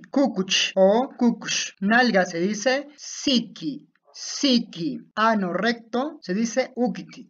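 Slow, careful woman teaching vocabulary. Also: medium pitch. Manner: slow, careful repetition of each word. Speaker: language teacher. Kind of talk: vocabulary lesson, word then repeated. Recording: dull lo-fi audio.

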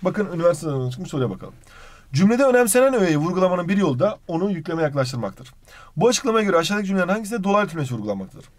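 A young man teaching an exam-prep grammar lesson, quickly asking and answering his own questions, recorded close and dry. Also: high voice, sing-song, no room sound.

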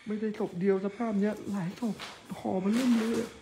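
A woman's voice: mid-range voice, fairly even intonation, brisk, dark tone, a little hiss or hum, low-quality recording. A woman on a ghost-hunting vlog, nervous and scolding a friend to stop provoking spirits in a cemetery. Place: outdoor cemetery at night.

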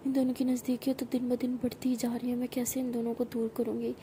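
Fretful disapproving mother, a woman voicing her, whispered role-play, high-pitched, noisy take. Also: completely flat delivery, quick pace, warm tone, natural voice. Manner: fretful musing. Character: worried disapproving middle-aged mother. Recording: noisy recording.

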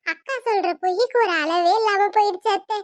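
A woman's voice: extremely high pitch, brisk, no room sound. A woman voicing a sly, gossipy young woman with a Tirunelveli Tamil accent.

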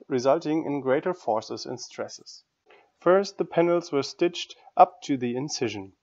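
A man narrating a scripted woodworking tutorial in an even, matter-of-fact way. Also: on the high side, highs cut off. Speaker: woodworking channel host.

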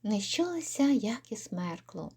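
A woman narrating a poem for an audiobook in a measured, expressive way. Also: medium pitch, slightly rough. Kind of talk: audiobook poetry reading.

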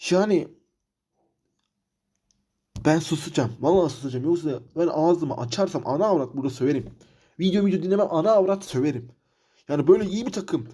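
A man's voice: fairly high pitch, lively intonation, fairly quick, long pauses, dark tone, husky. A man commentating his football manager game career, frustrated and ranting, repeating himself. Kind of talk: let's-play commentary.

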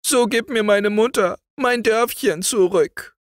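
A man's voice: high voice, a little slow, no echo, clean studio sound, voice pushed up. A man doing Bertha, a tearful homesick girl. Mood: lamenting. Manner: plaintive, soft and lamenting.

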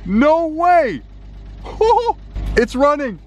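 A young man in his twenties talking straight to camera in a casual vlog, excitable and jumping between worry and delight. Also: very high-pitched, extremely slow, slight background noise. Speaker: car flipping vlogger. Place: outdoor parking lot and inside a small sports car. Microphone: handheld camera at arm's length.

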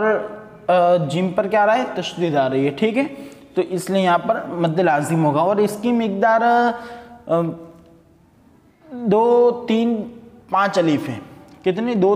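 High-voiced man teaching recitation, echoey. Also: darkish tone. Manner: asks questions and answers them himself; slow drawn-out recitation between explanations. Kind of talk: tajweed lesson with recited verses. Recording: echoey room with long reverb.

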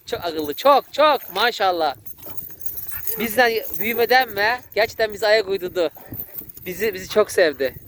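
A man, vlogging outdoors in a village and excitedly calling to a dog. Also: sits high, moderate pace, a little hiss or hum. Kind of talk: casual vlog commentary.

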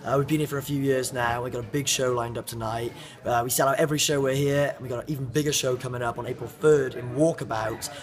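A man's voice: medium pitch, fairly even intonation, fast, few pauses. A man in his twenties from Wales, a professional wrestler giving a casual promotional interview to camera. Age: 20s. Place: indoor community centre room. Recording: loud music bed under speech.

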